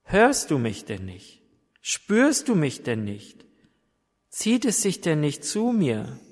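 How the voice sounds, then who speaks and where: A man voicing Jesus as a gentle grown man who asks soft, pleading questions. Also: on the high side, wildly swooping pitch, takes it slowly, exaggerated voice. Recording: long hall reverb.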